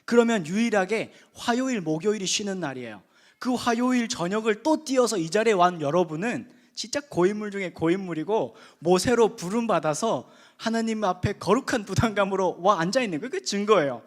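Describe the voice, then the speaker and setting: A man preaching a sermon at a youth worship service in a conversational way, swinging from loud emphasis to hushed asides. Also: high voice, animated, fairly quick.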